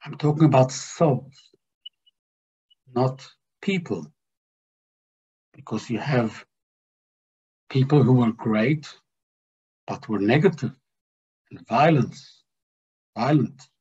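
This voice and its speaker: A man speaking to a group as a spiritual teacher, in a slow, deliberate and emphatic way. His voice is dark and slightly husky. The recording sounds dull and lo-fi. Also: mid-range voice. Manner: slow, measured, emphatic delivery.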